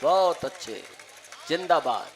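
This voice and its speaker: A man's voice: fairly high pitch, animated, a little slow. A man acting as compere at a poetry recital, calling out short praise and cheering the poet on. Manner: cheering, praising calls from the stage side. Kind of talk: encouraging interjections at a poetry recital.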